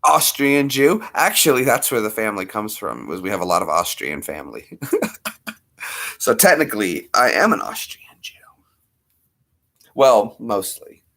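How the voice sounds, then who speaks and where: A man's voice: lowish voice, very animated, normal speed, gravelly, long pauses, pushed and bright. Rambling, jokey man in his thirties. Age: 30s. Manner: rambling, jokey, self-mocking. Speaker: streamer. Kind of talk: casual livestream chat.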